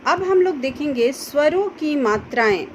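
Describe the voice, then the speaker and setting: A woman teacher explaining a grammar lesson to students slowly, carefully pronouncing each example sound. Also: high voice, lively intonation, a little hiss or hum, rough recording. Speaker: school Hindi teacher.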